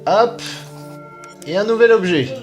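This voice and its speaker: A man's voice: sits high, measured pace, soft background music. A man giving casual, playful commentary as he plays a video game, exclaiming and muttering to himself. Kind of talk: casual let's-play commentary.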